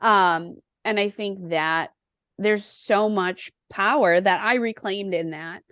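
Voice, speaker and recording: A woman's voice: mid-range voice, slow, no echo. Woman host telling a story, dry sound. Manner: reflective storytelling, animated re-enactment of quotes. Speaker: podcast host. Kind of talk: podcast interview conversation.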